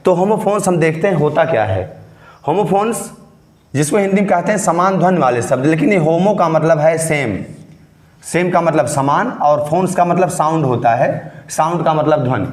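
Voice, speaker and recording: A man teaching a class, explaining each term step by step and slowly dictating definitions, then repeating them in Hindi. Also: a little high, roomy sound. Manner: slow, dictating English definitions word by word. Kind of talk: classroom lesson, mixing Hindi and English.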